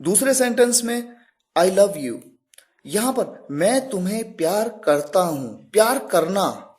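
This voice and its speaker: A man teaching English grammar. He explains slowly and deliberately, stops on each example word and keeps asking the listener questions. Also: sits high, darkish tone. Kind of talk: classroom explanation.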